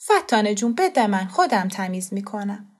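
A woman voicing a tired, patient mother who speaks softly and with care. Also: mid-range voice, sing-song. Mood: worried, gentle. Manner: soft, caring. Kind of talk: audiobook character voice.

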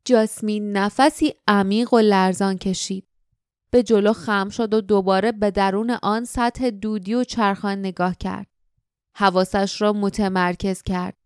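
A woman narrating an audiobook in a steady, literary storytelling manner. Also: mid-range voice, smooth, no room sound, studio quality. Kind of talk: scripted narration.

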